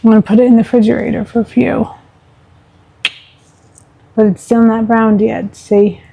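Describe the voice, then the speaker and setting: A woman's voice: fairly high pitch, moderate pace, vocal fry, breathy edge, muffled recording. A woman chatting casually while showing how she cooks a recipe at home, with small asides. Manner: chatty, relaxed, talks to her pet mid-recipe. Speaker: home cook, vlogger. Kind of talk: casual cooking tutorial.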